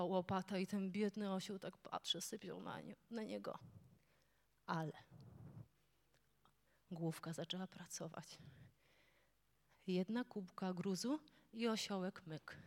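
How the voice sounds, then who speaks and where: A woman preaching a sermon, moving from soft storytelling to loud, fervent declarations. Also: mid-range voice, in a large hall.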